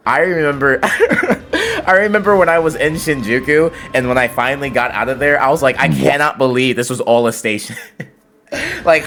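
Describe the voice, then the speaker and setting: A man from California, narrating a travel vlog in a rambling, excitable way and laughing often. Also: fairly low pitch. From California, USA. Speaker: travel vlogger.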